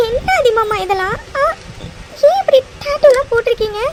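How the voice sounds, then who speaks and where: A woman's voice: very high-pitched, lively intonation, a little fast, background noise. A woman voicing a naive, shy young wife in a cartoon romance, innocent and pouting. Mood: tearful. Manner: innocent, pouting, easily tearful.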